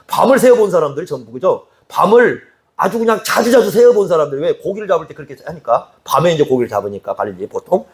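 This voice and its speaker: A male pastor preaching an expository sermon in a conversational way, often asking the congregation questions. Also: high voice. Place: church sanctuary.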